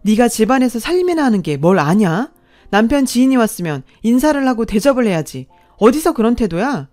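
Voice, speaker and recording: A woman playing a shrill, berating old mother-in-law. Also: big pitch swings, fairly quick, a little mellow, dry recording, soft background music. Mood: scolding. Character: cruel scolding older mother-in-law.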